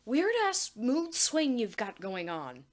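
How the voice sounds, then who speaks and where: A woman's voice: on the high side, huge pitch swings, slow pace, voice pushed up, heavily acted. A woman reading fan fiction aloud and voicing an exasperated, outspoken teenage girl who swears bluntly.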